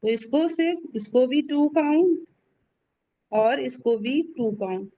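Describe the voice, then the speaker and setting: A woman teaching Quran in an online lesson, explaining slowly and drawing out recited letters. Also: sits high, dark tone, slight background noise. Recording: dull lo-fi audio.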